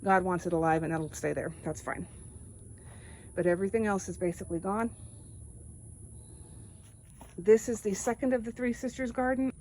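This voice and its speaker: A woman's voice: medium pitch, normal speed, long pauses, darkish tone, slight background noise, low-quality recording. A woman from East Texas walking through her backyard garden, explaining step by step in a plain, casual way. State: out of breath. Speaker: home gardener. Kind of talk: casual walk-through narration.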